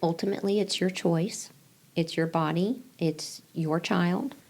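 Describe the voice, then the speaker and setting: Gravelly low woman, reassuring. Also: steady tone, measured pace. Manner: reassuring, gentle, repeats key phrases. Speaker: pregnancy client advocate. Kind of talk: interview answers, counseling talk.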